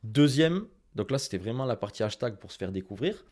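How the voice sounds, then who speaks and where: A man with a Toulouse accent, a guest on a podcast, giving direct and lively marketing advice straight to the listeners. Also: mid-range voice, fairly quick. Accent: Toulouse (southern French). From Toulouse, France. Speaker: guest, Instagram marketing expert. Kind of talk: casual podcast interview.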